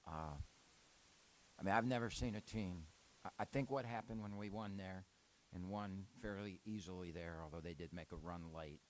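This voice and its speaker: A man's voice: low-pitched, normal speed, slight background noise, poor audio. A man speaking as a head basketball coach at a post-game press conference, rambling and candid with frequent restarts.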